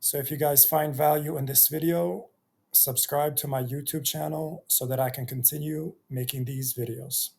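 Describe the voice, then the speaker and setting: A man in his thirties telling his life story on his own channel, reflective, pausing often between phrases. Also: a little high, fairly even intonation, vocal fry, darkish tone. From Bosnia and Herzegovina. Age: 30s. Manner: slow and reflective, with many pauses and fillers. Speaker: YouTuber. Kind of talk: personal storytelling vlog.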